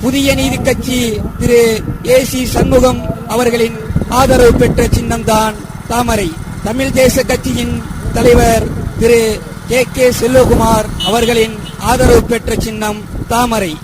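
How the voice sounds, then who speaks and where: A man with a very high, flat voice reads out a formal campaign appeal to voters. He declaims each line in a steady, announcing manner. Heavy noise sits under the whole recording. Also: takes it slowly, pauses often.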